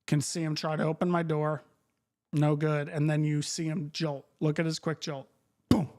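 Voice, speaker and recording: Flat-toned man muttering on a livestream. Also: on the high side, moderate pace. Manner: informal, muttering, profane. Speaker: streamer. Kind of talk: casual livestream chat.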